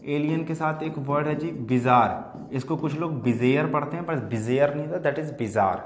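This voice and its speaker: A man's voice: on the high side, moderate pace, reverberant. A man teaching English vocabulary for exams, explaining in Hindi mixed with English and often checking in with his students. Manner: explains words in Hindi mixed with English, calls listeners "bachche"; keeps checking in with "theek hai?". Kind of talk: exam-prep lesson.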